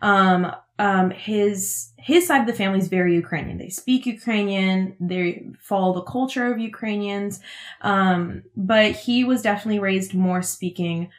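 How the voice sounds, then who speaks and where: A woman's voice: mid-range voice, normal speed. Young woman just chatting, lots of ums and likes, keeps laughing. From Washington, USA. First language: Russian. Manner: rambling, laughs often, many fillers. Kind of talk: casual chat.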